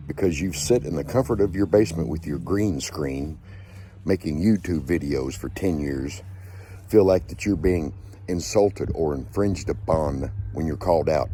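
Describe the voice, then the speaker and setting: A man's voice: low-pitched, dark tone, slight background noise. A man hosting his own channel, delivering an angry, profane rant with lots of repetition. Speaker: channel host.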